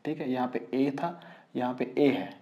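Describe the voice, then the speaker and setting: A man's voice: medium pitch, steady tone, normal speed, warm tone. A man teaching a grammar lesson for exam prep, asking the class questions and answering them himself. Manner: quizzes students, repeats rhetorical questions.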